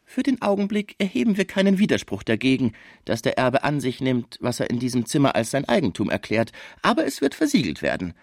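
A man voicing a sly, menacing male lawyer who sneers and mocks in a high, sharp voice. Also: huge pitch swings, a little fast, creaky, dry recording, clean studio sound, heavily acted. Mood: sneering.

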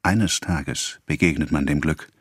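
A man voicing a brooding male seducer, speaking low and hushed in an audiobook reading. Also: a little slow, husky, no room sound, studio quality, exaggerated voice. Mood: intimate.

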